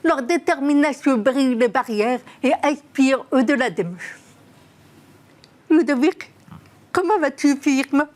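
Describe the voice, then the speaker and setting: A woman's voice: sits high, measured pace, long pauses, darkish tone. A woman presenting as host and putting prepared questions to her guests. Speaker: interviewer and host. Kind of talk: scripted introduction and interview questions.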